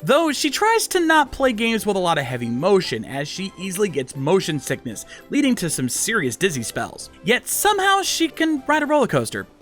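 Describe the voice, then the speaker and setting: A man's voice: high-pitched, huge pitch swings, normal speed, few pauses, a bit bright, soft background music. A man hosting a video with scripted narration and informal, chatty asides. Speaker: video host and reviewer.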